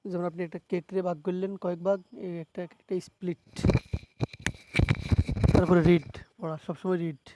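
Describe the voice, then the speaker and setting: A man's voice: high-pitched, flat delivery, fast talker, few pauses, muffled recording, noisy background. A man with a Bangladeshi accent teaching a lesson, repeating each word and explaining its meaning plainly. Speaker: English teacher. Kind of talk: classroom lesson on verb forms.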